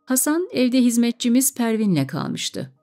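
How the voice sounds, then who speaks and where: A woman reading a story aloud in a calm, measured way. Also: on the high side, faint music behind.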